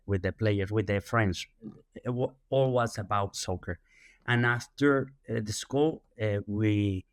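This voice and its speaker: A man from Spain with a Spanish accent, a youth soccer director answering interview questions in a measured way with many fillers. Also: on the low side, no echo, clean studio sound.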